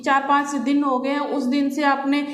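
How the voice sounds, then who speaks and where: In an echoey room, a woman with a high, level voice comments on reality show gossip at a moderate pace. Her unscripted opinions, aimed at viewers and contestants, come out scolding and argumentative, often as rhetorical questions.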